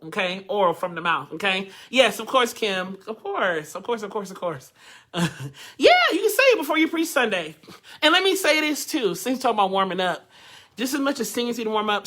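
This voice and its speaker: A male voice teacher leads a live online workshop in a bright, forceful voice. He talks in a loose, chatty way, laughs often, and calls out to viewers as he teaches. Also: sits high, animated, a little fast.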